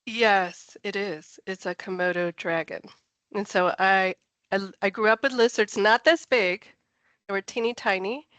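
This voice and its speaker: A woman's voice: mid-range voice, unhurried, a bit bright, no echo. A woman from Puerto Rico, a scientist giving a friendly, chatty online science talk over a video call. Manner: enthusiastic, chatty, laughs easily. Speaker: NASA project scientist presenter.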